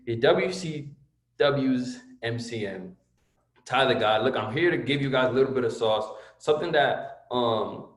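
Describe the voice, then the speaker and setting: A man's voice: lowish voice, reverberant. A man speaking as a guest, giving an emphatic motivational talk and repeating phrases for effect.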